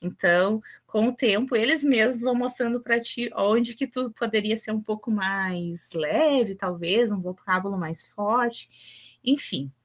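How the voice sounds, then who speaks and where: A woman's voice: mid-range voice, measured pace. A woman leads a teacher-training lesson on early childhood education. She talks in a chatty, informal way. She often checks in with her listeners. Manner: chatty, asks the group for go-ahead.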